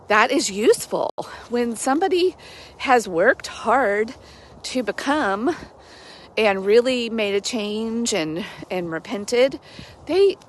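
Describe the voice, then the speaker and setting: A woman talking casually outdoors in a reflective devotional vlog, halting and conversational as she thinks aloud and corrects herself. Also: mid-range voice, a little hiss or hum. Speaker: vlogger giving a daily devotional. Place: outdoors among trees in light rain and snow.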